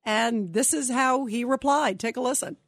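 Hosting a radio talk show, this woman shares her opinions conversationally and addresses her audience head-on. Her voice is slightly high and her pace is moderate.

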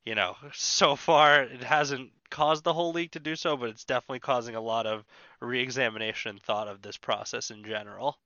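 Bright, crisp-voiced man co-hosting. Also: medium pitch, fairly even intonation, a little fast, dry recording, lo-fi sound. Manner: conversational, thinks aloud. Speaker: podcast co-host. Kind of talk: casual chat.

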